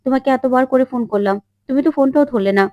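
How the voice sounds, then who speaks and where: A woman's voice: sits high, quick pace, no echo, muffled recording, close to an everyday voice. Give me an earnest, protective middle-aged man, read by a woman. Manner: earnest, pleading.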